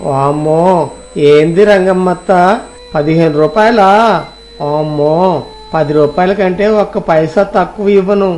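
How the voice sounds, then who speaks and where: A man doing a naive high-voiced village lad. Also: unhurried, pauses often, darkish tone, close to an everyday voice. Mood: eager. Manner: simple, eager and pleading. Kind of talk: storybook cartoon voice acting.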